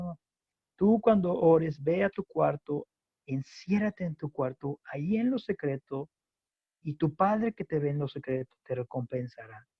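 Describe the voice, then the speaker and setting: A man with a Mexican accent preaching a sermon to a home group, impassioned and rising to near-shouts on scripture. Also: fairly high pitch, husky, no echo. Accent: Mexican Spanish. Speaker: pastor. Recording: dull, dry lo-fi sound.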